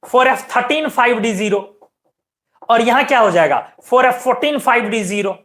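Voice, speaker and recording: A woman with a fairly high voice teaches a chemistry class. She explains each step patiently. She keeps checking whether her students are following and tells them to watch closely. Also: fairly quick, fairly bright tone. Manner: explains step by step, asks students frequent questions; keeps urging students to pay attention. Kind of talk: classroom lecture.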